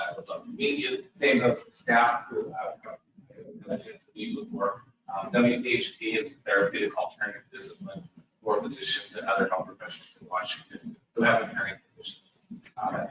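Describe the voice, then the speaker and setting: A man who directs a medical program, giving public comment to a commission in a friendly, halting way with many "uh" fillers. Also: lowish voice, fairly bright tone, a little hiss or hum. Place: public meeting room. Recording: echoey room, mic far off, dull sound.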